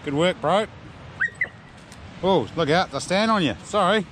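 A man's voice: high-pitched, expressive, a little slow. A New Zealand man in his forties, a vlog host and father, chatting easily and matily with his young son while camping in the bush. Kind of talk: casual outdoor vlog chat. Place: outdoor bush campsite at night. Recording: outdoor recording with clear background noise.

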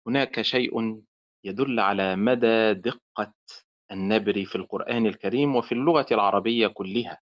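A man leads an online class on Quranic recitation, and he talks in a measured, encouraging way. His voice sits at a middle pitch for a man. The audio is muffled and lo-fi. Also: fairly bright tone. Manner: encouraging, quotes poetry in praise. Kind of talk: online lecture with student recitations.

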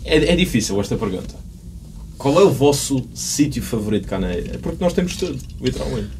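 A man's voice: mid-range voice, very animated, fairly quick, darkish tone, slight background noise. A young man from Madeira hosting a podcast in a small studio, asking guests questions. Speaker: podcast host. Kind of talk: interview questions.

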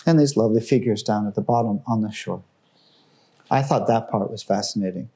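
A museum guide, a man with a lowish voice and brisk delivery, talks conversationally and excitedly about the art in a gallery room. When he reaches tragic works, he quiets down and turns solemn.

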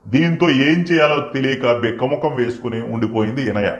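A man's voice: medium pitch, brisk, roomy sound, highs cut off. A man giving satirical commentary as a channel host, mocking and acting out the quoted lines. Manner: mocking, acts out quoted lines in shifted voices. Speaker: channel host and reality-show critic.

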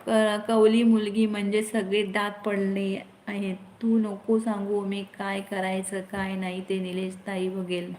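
A woman's voice: medium pitch, monotone, measured pace, hardly any pauses, a little mellow, a little hiss or hum. Woman, live-stream host, casual chat, reads comments aloud, friendly advice, phone mic, roomy echo. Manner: chatty, reads viewer comments aloud and answers them; gives friendly advice to viewers.

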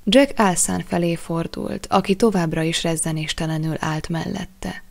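Low gravelly woman reading an audiobook. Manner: measured, expressive storytelling. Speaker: audiobook reader. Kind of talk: audiobook narration.

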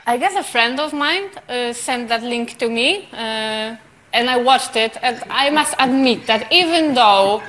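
A woman's voice: fairly high pitch, animated, a little slow, a bit bright, low-quality recording. A woman in her thirties from Poland with a Polish accent, a native Polish speaker giving casual interview answers. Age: 30s. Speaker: interviewee, fashion model.

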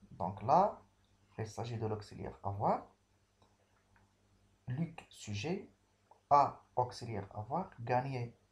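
Slow, deliberate man teaching grammar. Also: medium pitch, a little mellow. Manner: slow and deliberate, spelling out endings with fillers. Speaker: French teacher. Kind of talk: grammar lesson.

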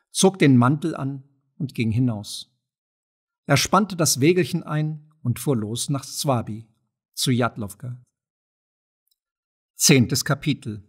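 A man narrating a classic novel as an audiobook, in a measured way, dropping low and soft at the narration tags. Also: breathy edge.

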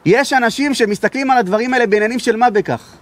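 An Israeli rabbi with a very high-pitched voice delivers a sermon full of stories, raising his voice emphatically now and then to be heard. There's a slight hiss or hum in the audio.

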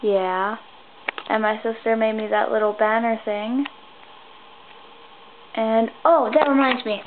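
A sixteen-year-old girl vlogging at night in her bedroom, rambling and tired, with sudden squeals of excitement. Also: on the high side, takes it slowly. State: tired, sleepy. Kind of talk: rambling casual vlog. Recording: tinny phone-like sound, faint hiss.

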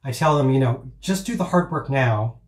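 This is a man teaching piano informally, speaking at a normal pace with medium pitch and lively intonation. He rambles and restarts often, sprinkling in fillers, and chants rhythm words and counts as examples, all captured with a roomy, echoing sound.

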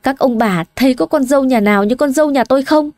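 A woman's voice: sits high, fast, darkish tone, dry recording, studio quality, voice pushed up, lightly acted. A woman voicing a spiteful, bullying older mother-in-law who scolds and wails theatrically. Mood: accusing.

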